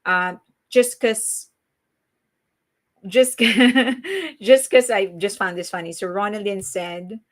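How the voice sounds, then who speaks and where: Hosting a live stream, this Filipino-accented woman from the Philippines chats easily with viewers, laughing a lot and starting sentences over. She speaks slowly at a medium pitch, leaving long pauses.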